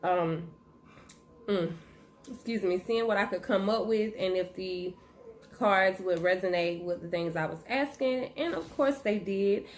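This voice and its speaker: A woman hosting her own channel, chatting casually with viewers while chewing gum, with a relaxed, friendly manner. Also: mid-range voice, measured pace. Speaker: channel host. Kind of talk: casual vlog chat. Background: faint noise of her dog moving around.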